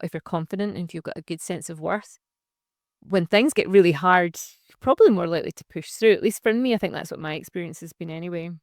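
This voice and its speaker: Recorded in studio quality with no echo, this fairly low-pitched voice belongs to a young adult woman from Scotland. She's a social enterprise founder speaking reflectively in a relaxed interview, often using fillers and starting her sentences over.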